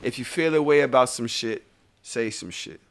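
A man's voice: medium pitch, lively intonation, moderate pace, vocal fry, a little hiss or hum. Profane man preaching casual advice. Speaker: podcast co-host. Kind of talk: casual chat.

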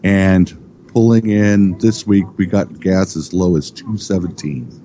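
Middle-aged guy, low dark voice, rambly, keeps fixing what he just said, kinda muffled recording. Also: takes it slowly, a little hiss or hum. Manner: rambling, corrects himself often. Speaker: guest. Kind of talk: casual chat.

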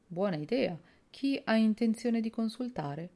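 A woman's voice: a little high, lively intonation, unhurried, warm tone, voice pushed up. A woman voicing a brusque, impatient man. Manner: brusque and dismissive. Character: brother-in-law, impatient, easily alarmed man.

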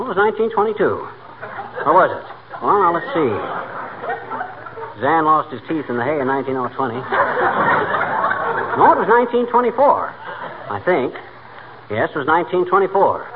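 Blustery, rambling husband on tinny old radio. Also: male voice, a little high, very animated, a little fast, pauses often. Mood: blustery boasting. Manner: rambling, blustery, self-correcting. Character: boastful, bumbling middle-aged husband, teller of tall tales. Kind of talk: 1940s radio comedy acting. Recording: noisy tinny 1940s radio broadcast.

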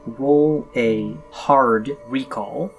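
A man running a tabletop role-playing game as game master, describing scenes in an unhurried way with pauses. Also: medium pitch, gravelly, highs cut off, music in the background.

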